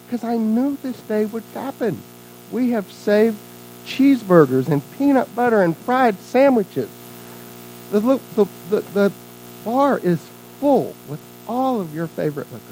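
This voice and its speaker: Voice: medium pitch, darkish tone, slight background noise, pitched above the performer's own voice, low-quality recording. A minister voicing a gushing woman hotel clerk who calls herself the number one fan. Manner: gushing, rapturous.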